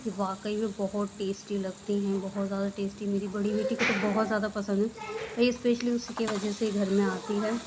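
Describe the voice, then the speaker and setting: A woman chats through her daily home vlog, homely and talkative, drifting from one thing to the next. Her pitch stays flat and level, and clear background noise from a family home runs under her voice. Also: fairly quick. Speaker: daily vlogger. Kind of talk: casual chatty vlog narration.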